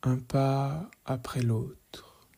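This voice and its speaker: Man, meditation guide, hushed and half-whispered, very flat and even delivery, mellow tone. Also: medium pitch. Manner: soft, hushed, often slipping into whisper; calm, measured, gently instructive.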